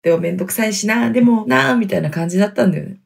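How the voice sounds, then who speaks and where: A woman around thirty from Hokkaido, hosting her own podcast with chatty, self-deprecating solo talk, speaking quietly from inside a closet. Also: mid-range voice, racing, vocal fry, slightly rough. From Hokkaido, Japan. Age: 30s. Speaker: podcast host. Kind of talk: casual solo podcast chat. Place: inside a closet in a wooden apartment studio. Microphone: computer mic in closet.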